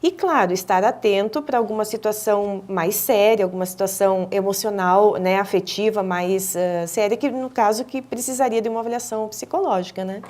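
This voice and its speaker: Speaking at medium pitch with a slightly mellow tone, a Brazilian Portuguese-accented speech therapist gives didactic answers in a television studio interview. She often hesitates with fillers and starts phrases over.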